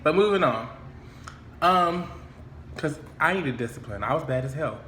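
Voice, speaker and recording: A man hosts a casual chat, joking and laughing easily, his pitch moving in a lively way. The recording has a roomy echo with faint ambience behind it. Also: normal speed, a little hiss or hum. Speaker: host. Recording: echoey room, faint ambience.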